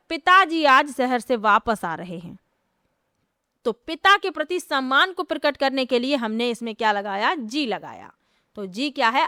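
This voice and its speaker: A woman's voice: high-pitched, pushed and bright, no room sound, clean studio sound. A woman teacher giving an exam-prep grammar lesson, explaining step by step and asking herself rhetorical questions before answering them.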